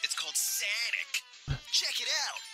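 High, creaky game-announcer hype voice. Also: male voice, very animated, measured pace, pushed and bright, soft background music, heavily acted. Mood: hyping, teasing. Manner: hype announcer-like promotional delivery.

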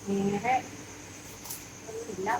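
A woman's voice: mid-range voice, fairly even intonation, very slow. A woman running a farm vlog who coos fondly to a cow and then explains things to her viewers, recorded in a cow shed. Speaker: dairy farm vlogger. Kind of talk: casual farm vlog chat. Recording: echoey, mic far off, noisy farm.

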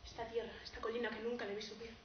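A young woman acting as a poor, grieving male peasant farmer in a tragicomic stage monologue, telling the story in a broken, halting way. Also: a little high, flat delivery, far from the mic, natural voice. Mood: somber. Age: young adult. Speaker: drama student. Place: theatre stage. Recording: dull, roomy stage recording, noisy.

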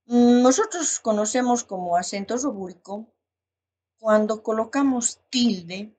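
A woman's voice: mid-range voice, a little mellow. A woman teacher giving a recorded language lesson, explaining step by step with fillers and careful lists of example words.

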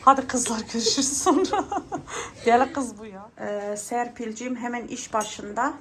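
A woman hosting a casual home vlog, chatting in her kitchen while she cooks, laughing often and telling stories loudly. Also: fairly high pitch, moderate pace, a crowd in the background. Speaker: vlog host.

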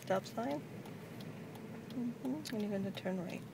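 A woman's voice: a little high, slow, gravelly. A woman acting as a driving instructor, giving short, step-by-step commands and reassurance to a new driver. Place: inside a moving car. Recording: noisy car interior, distant phone mic.

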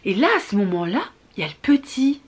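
A young woman YouTuber telling a story in a chatty, animated storytime vlog, with slang. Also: mid-range voice, fast, slightly rough.

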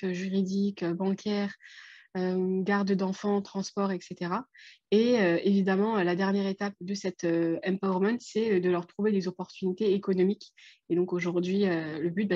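A woman's voice: mid-range voice, darkish tone, no room sound. Young woman presenting on a muffled call. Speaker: company co-founder presenting. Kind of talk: semi-prepared presentation. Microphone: video call. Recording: muffled, dull video-call audio.

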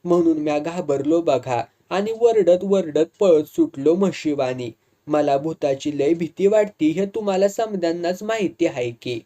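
A man voicing a hot-tempered, boastful village wrestler who talks in a rough rustic way and threatens people. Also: on the high side, a little slow, dark tone, close to an everyday voice. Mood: sheepish. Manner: blustering, threatening, rustic speech.

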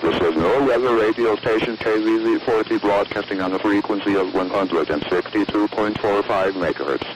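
A man reading a formal station identification in a steady, even way, heard over a weather radio receiver. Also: on the low side. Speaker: station announcer. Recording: lo-fi radio broadcast with loud static.

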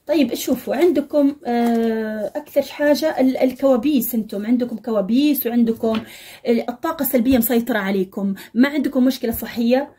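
A woman's voice: on the high side, fast, mellow, a little hiss or hum. A woman giving a tarot reading to her viewers, addressing them directly and scolding them with blunt advice. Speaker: tarot reader. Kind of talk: fortune-reading monologue to viewers.

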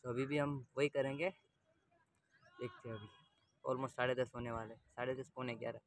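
At a cricket ground, a young adult vlogger talks casually to his viewers while holding his camera at arm's length outdoors. He speaks a little fast, in a medium-pitched voice with a steady tone, and the sound has no echo.

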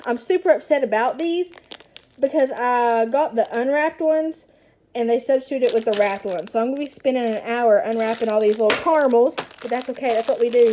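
A young woman chatting excitedly as she unpacks groceries at home, with self-mocking asides and bursts of delight. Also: high voice, slight background noise. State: out of breath. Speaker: stay-at-home mom vlogger. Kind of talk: casual grocery haul chat. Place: home kitchen. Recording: rustling bags and clicks behind.

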